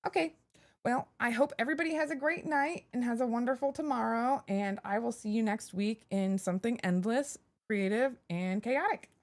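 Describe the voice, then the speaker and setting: A woman's voice: on the high side, normal speed. A woman streamer and cosplayer talking casually on a stream, rambling with lots of "like" and "um" fillers. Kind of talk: casual live-stream chat.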